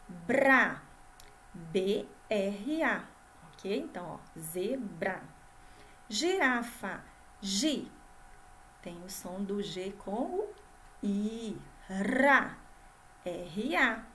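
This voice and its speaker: In a video lesson for young children, a woman teaching first graders speaks with a Brazilian Portuguese accent in a medium-pitched, darkish voice. She is a primary school teacher from Brazil who stretches syllables in a sing-song way and keeps checking in with the class through questions. Slight background noise is audible.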